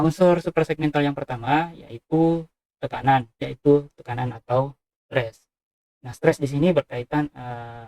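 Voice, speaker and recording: A man's voice: medium pitch, darkish tone, no room sound. A man giving a university lecture, explaining step by step with frequent "eh" fillers. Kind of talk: recorded lecture on speech sounds.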